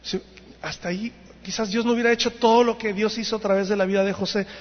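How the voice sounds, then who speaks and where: A man preaching a sermon to young people, telling the story in an animated way and acting out the voices in it. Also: high voice. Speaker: youth preacher. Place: church hall. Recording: dull sound, long hall reverb.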